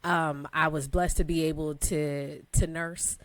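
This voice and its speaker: A woman in her thirties, co-hosting a podcast, telling a story in a casual, animated way with relaxed phrasing and frequent laughter. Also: low voice, unhurried, no room sound. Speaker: podcast co-host.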